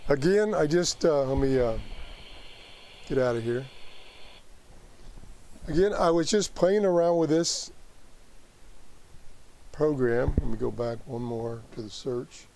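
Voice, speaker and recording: Slow talking guy, soft dark tone, casual live tutorial, kinda halting n muttering his steps as he goes. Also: mid-range voice, lively intonation, vocal fry, rough recording. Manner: halting, thinking aloud while operating the app. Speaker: host demonstrating a radio app.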